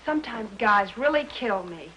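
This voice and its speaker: A woman's voice: medium pitch, lively intonation, normal speed, a bit bright, dull audio, a little hiss or hum, lightly acted. An actress playing a flippant, sarcastic young woman in a 1950s TV drama. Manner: wisecracking, dry.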